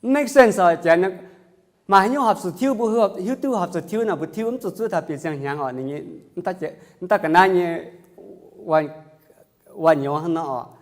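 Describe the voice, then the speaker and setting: A man preaching a church sermon, halting with many fillers and repeats and mixing in English words. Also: sits high.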